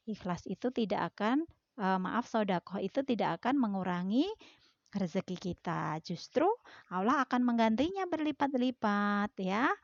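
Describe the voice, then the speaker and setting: Slow, gravelly woman teacher. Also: mid-range voice, no room sound, muffled recording. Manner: slow and gently instructive, often adds "ya". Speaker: primary school teacher. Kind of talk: recorded lesson for children.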